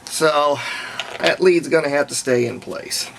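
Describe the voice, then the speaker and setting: Thinking aloud through a hobby restoration, a man provides casual, unscripted workbench commentary for his repair video. His voice is a little high, gravelly and creaky, at a measured pace, and clear background noise can be heard.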